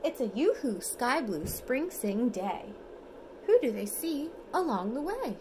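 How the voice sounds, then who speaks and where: Slow and lilting, a high-voiced woman in her thirties reads a bedtime story to a small child, encouraging the toddler with her lively, sing-song delivery. She's a mother recording herself on a phone at arm's length at home, and a faint background noise is present.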